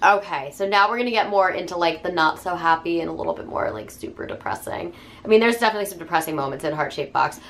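A young woman with a cold gushes about horror novels in a casual vlog. Her voice sits a little low and sounds stuffy from the cold. She talks eagerly and pads her sentences with lots of fillers. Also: quick pace, fairly bright tone, slight background noise. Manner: enthusiastic, gushing, with fillers. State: hoarse from a cold. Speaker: book reviewer. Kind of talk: casual book review vlog.

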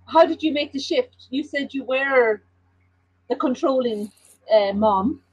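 Brief: husky high-voiced woman moderator, casual questions, dull muffled recording. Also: measured pace, no echo. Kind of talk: asking questions at a panel.

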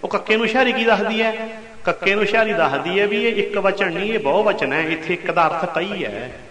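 A man giving a Sikh katha sermon, chanting scripture lines slowly and then explaining them with quick rhetorical questions. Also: sits high, crowd noise. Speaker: Sikh preacher. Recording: echoey hall with long reverb.

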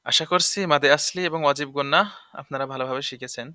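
Bright, clear-voiced male Quran tutor. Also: mid-range voice, no echo, clean studio sound. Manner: explains briskly, then spells out letters slowly and emphatically. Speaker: Quran recitation teacher. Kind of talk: online tajweed lesson.

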